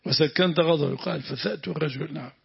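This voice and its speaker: Fast and fairly high-pitched, with vocal fry and slight roughness, a Lebanese-accented man explains Quran exegesis to his students as the text is read. He quizzes them and repeats words after the reader. The recording is a dull lo-fi lesson.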